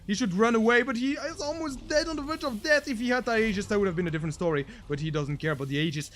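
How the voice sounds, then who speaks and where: A man with a high voice casts a video game match for laughs. He jumps from low, muttered jokes to yelling over big plays, always playful and excitable. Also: a little hiss or hum. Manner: excitable, jokey, swings between mumbled asides and shouted hype. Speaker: game caster. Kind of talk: comedic esports commentary.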